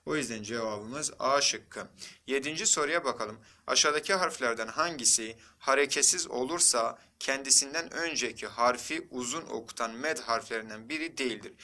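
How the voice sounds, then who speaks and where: Bright-voiced man teaching a lesson. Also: mid-range voice. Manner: repetitive, drills each word slowly, asks and answers himself. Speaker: religion teacher. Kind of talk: exam walkthrough lesson.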